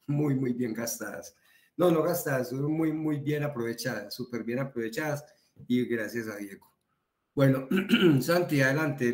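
A man with a Colombian accent giving a training talk in a conversational way, repeating words for emphasis. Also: mid-range voice. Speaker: instructor. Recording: roomy echo.

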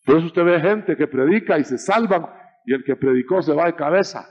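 A male preacher delivering a sermon in a dramatic style that swings between shouts and murmurs. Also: on the high side, a little fast, dull audio.

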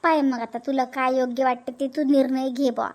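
A high female voice plays a patient elder sister-in-law in a cartoon, as a woman dubs her. She soothes and advises steadily, in a Vidarbha Marathi accent. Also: flat delivery, brisk. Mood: soothing.

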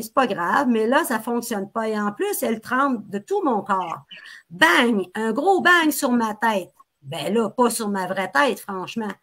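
A woman with a Québécois accent reads her own novel aloud during a live stream, in a fairly high voice. She tells it in a child's first-person voice and breaks into sudden, loud, pleading cries. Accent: Québécois French. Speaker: author reading own novel.

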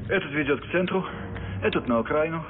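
A man's voice: fairly high pitch, lively intonation, brisk, a little hiss or hum, close to an everyday voice. An actor playing a bitter, defiant Polish resistance man who hates occupiers, with a Polish accent. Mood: explanatory. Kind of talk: film acting. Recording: phone-like film audio with music.

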